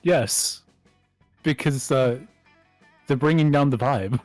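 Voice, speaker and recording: A man's voice: medium pitch, takes it slowly, no room sound, faint music behind. A man joking and laughing while playing a dating game on stream with a co-streamer. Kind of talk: casual game chat on stream.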